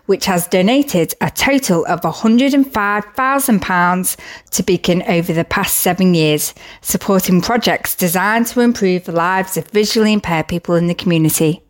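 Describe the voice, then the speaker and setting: A woman presenting a scripted charity update in a chatty, upbeat way, with casual asides. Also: on the low side.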